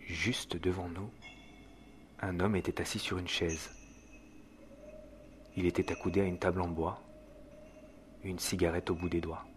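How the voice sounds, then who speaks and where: A man playing the measured first-person narrator of an audio drama, reading scripted narration. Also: low-pitched, steady tone, noisy background. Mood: measured, hushed. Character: grave, measured male first-person storyteller.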